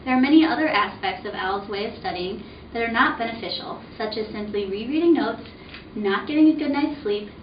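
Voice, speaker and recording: A woman's voice: fairly high pitch, brisk. A woman reading an explanatory script in textbook phrasing. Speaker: student narrator. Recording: roomy, distant, muffled with noise.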